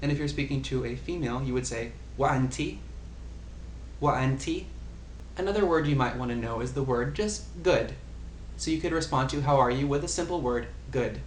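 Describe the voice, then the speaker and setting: A language tutor gives a casual lesson, patiently explaining things and repeating example phrases. His voice is mid-range and brisk. The room is echoey with faint ambient noise.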